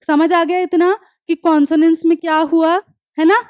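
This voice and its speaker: In an online class, a high-voiced woman teaches English, explaining each step and frequently checking that students understand. Her tone is level and slightly mellow, and she reads English examples slowly and deliberately in clean, echo-free studio audio.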